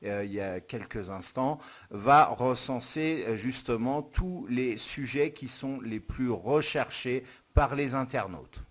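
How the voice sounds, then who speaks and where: A man hosting a step-by-step software tutorial, talking the viewer through each click in an informal, direct way. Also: mid-range voice, slow. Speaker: YouTube tutorial host. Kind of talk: screen-recorded software tutorial. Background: soft guitar music.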